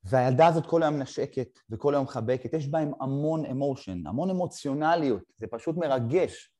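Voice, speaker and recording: A middle-aged man hosts a casual conversation. He tells a personal story in a halting way, with short pauses between phrases. His voice has a mellow, darker tone. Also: medium pitch, expressive. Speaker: podcast host.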